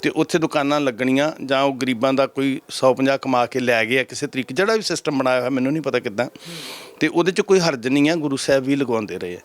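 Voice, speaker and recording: A middle-pitched man speaks with a measured, sermon-like cadence. He is a head granthi answering an interviewer's questions. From Punjab, India.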